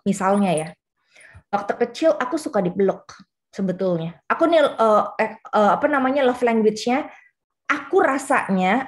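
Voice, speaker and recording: Woman pastor almost fifty, youth sermon, chatty and personal, bit high voice. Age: 40s. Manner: chatty, personal storytelling with frequent fillers.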